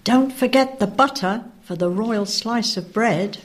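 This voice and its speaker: Young dairymaid, polite, flustered, high voice, storybook poem, male reader. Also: measured pace. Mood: eager. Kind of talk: reading children's verse aloud.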